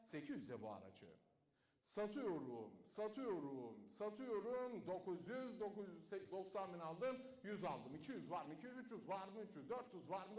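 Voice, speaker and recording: High-voiced man calling a fast car auction. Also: reverberant. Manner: rattles off bids in a fast chant, drops low to call the price.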